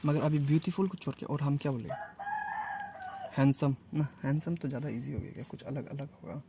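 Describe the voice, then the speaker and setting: A man teaching a casual grammar lesson, asking and answering his own questions and repeating words slowly. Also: a little high, vocal fry, warm tone, slight background noise.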